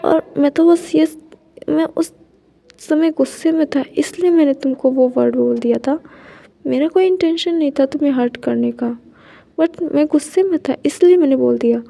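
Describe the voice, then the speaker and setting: A tearful young husband full of jealous reproach, voiced by a woman in a high, soft reading voice. He pleads and accuses by turns, his tone mellow rather than sharp. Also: moderate pace, gravelly. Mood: hurt pleading.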